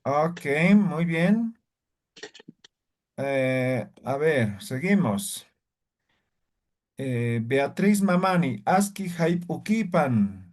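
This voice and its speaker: A man's voice: on the high side, expressive, very slow, pauses often, a little mellow. A man teaching a language class, patiently calling on students and checking in with short tag questions. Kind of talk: online class instruction.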